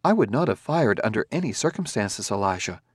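A man's voice: lowish voice, sing-song, a little fast, husky, no room sound, studio quality. A man voicing a polite, formal male humanoid robot who speaks precisely, with no contractions.

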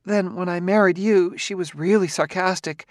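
A man's voice: high-pitched, steady tone, normal speed, dry recording, studio quality, voice pushed up, lightly acted. A man voicing a rambling anxious wife. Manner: rambling, circuitous, raised voice. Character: anxious chatty middle-aged wife. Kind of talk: audiobook reading.

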